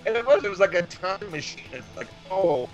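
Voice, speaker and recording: A man hosting a casual podcast over a call, talking excitedly and swearing, his voice coming through as clangy, glitchy robot audio. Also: high-pitched, brisk, loud music behind the voice. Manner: enthusiastic, swears often. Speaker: podcast host. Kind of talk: casual chat about music. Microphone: online call. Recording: dull, distant, robotic call line.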